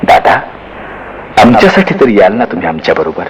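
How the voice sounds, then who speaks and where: A man voicing a gentle, wise young boy who speaks in a soft, tender and patient way. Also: fairly low pitch, huge pitch swings, a little fast, recorded from a distance, background noise. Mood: earnest. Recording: music behind the voice.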